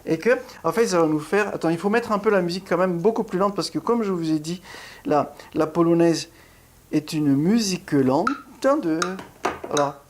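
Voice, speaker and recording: Middle-aged ballet pianist explaining stuff, lots of restarts, mid-pitched voice, a bit of hiss behind. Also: darkish tone. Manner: halting, with many restarts and repeated words; explains while demonstrating rhythm and breathing. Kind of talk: casual video lesson.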